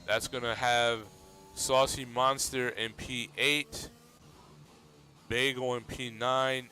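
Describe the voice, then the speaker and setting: A man commentating a sim racing league race in a relaxed, steady play-by-play manner. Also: medium pitch, slow pace, slight background noise. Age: adult.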